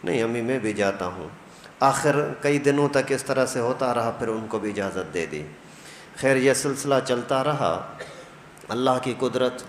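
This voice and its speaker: A male religious teacher giving a storytelling lesson in a mosque, acting out the dialogue. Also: medium pitch. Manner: animated storytelling, acts out dialogue. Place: mosque hall. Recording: echoey hall, faint noise.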